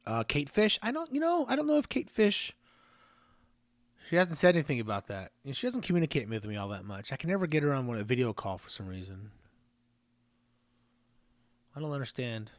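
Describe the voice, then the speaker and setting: A man's voice: medium pitch, big pitch swings, a little fast, long pauses, no echo. A man hosting a live stream, chatting casually, joking and reading viewer comments aloud. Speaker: livestream host.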